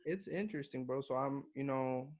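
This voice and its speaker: A man's voice: mid-range voice, normal speed, a little mellow. A young man from Guatemala, a hip-hop artist, talking casually as a podcast guest, swearing freely and calling the host bro. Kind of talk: casual interview chat.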